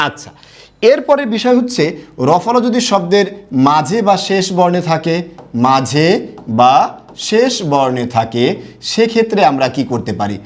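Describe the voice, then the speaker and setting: A man's voice: high-pitched, sing-song, normal speed, pauses often. A man teaching a Bangla grammar and pronunciation lesson, asking the class questions, answering them himself and spelling words out letter by letter. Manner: asks the class questions then answers them, repeats key points.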